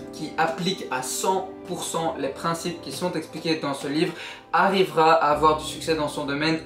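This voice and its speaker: Young man, earnest vlog talk, slightly high voice, roomy echo, faint music behind. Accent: Belgian French. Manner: earnest, encouraging, addresses viewer informally. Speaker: YouTuber. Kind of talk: book summary vlog.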